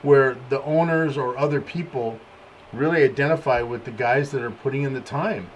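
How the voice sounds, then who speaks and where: A man's voice: medium pitch, moderate pace, slight background noise, rough recording. A man, the team owner hosting the show, chatting casually and acting out quoted exchanges as he tells stories. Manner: animated storyteller, acts out quoted exchanges. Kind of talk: casual podcast chat.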